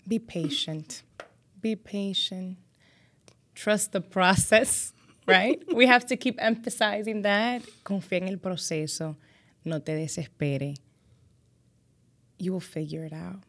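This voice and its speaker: Earnest, lower-voiced woman news anchor. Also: measured pace, long pauses. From United States. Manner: upbeat and earnest, mixes Spanish phrases into English. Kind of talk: casual interview chat.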